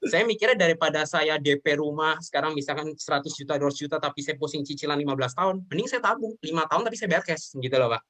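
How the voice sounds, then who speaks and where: Young male guest, fast and heartfelt, slightly high pitch, emotional and candid. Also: a bit bright. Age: 20s. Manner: emotional, repeatedly addressing the host as sir. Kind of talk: earnest personal talk in an interview.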